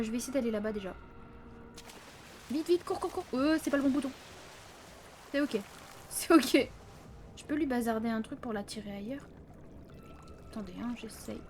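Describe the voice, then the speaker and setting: Chatty high-voiced woman gaming. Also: darkish tone, a little hiss or hum. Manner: chatty, addresses viewers, frequent "hein"; flustered yelps and exclamations under stress. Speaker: let's play gamer. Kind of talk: casual gaming commentary. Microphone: close desk microphone.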